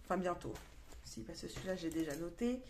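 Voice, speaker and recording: A woman's voice: on the low side, expressive, fairly quick, a little mellow, slight background noise. A young French woman chatting casually in a coloring vlog, with lots of fillers and restarts. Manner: mutters counts half-whispered to herself. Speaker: coloring vlogger. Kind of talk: casual chat while coloring.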